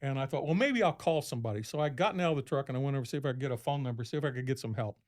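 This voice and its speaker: A man's voice: medium pitch, steady tone, rapid-fire, a little mellow. A man, a podcast guest, telling a long story casually, rambling and acting out what people said. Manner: rambling, acts out quoted speech in a raised voice.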